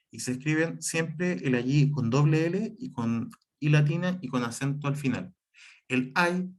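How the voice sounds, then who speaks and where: A man teaching a spelling lesson, explaining the rules step by step, with frequent fillers and self-corrections. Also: mid-range voice. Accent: Chilean Spanish. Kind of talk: spelling lesson over slides.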